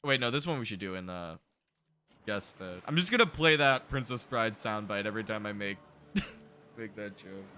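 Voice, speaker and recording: Excitable man narrating his theme park build. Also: fairly low pitch, moderate pace, a little hiss or hum. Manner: excitable, jokey, swears freely. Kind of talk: casual gameplay commentary.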